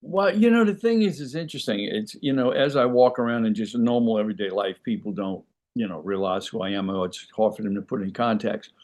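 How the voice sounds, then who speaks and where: A man's voice: on the low side, fast, a little mellow. An older man, an actor guest on an interview, telling stories in an easygoing, rambling way with frequent "you know"s. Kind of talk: casual interview chat.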